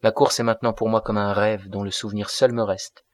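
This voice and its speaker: A man's voice: lowish voice, little pitch movement, fairly quick, no room sound, lightly acted. A man reading as a naive young woman. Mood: dreamy. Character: naive young woman, gentle pastor's daughter.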